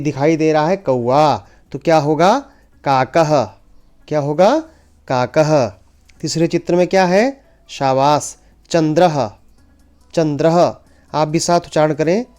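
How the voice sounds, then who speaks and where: A man teaching an online language lesson, slowly repeating each word for pupils to say after him. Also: fairly high pitch, darkish tone. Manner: slow, drills pronunciation by repeating words. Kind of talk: online Sanskrit lesson in Hindi.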